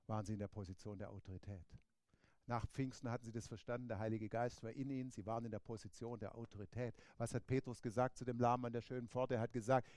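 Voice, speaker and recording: A man's voice: medium pitch, darkish tone, no room sound. A man preaching a sermon emphatically, with rhetorical questions and frequent amens.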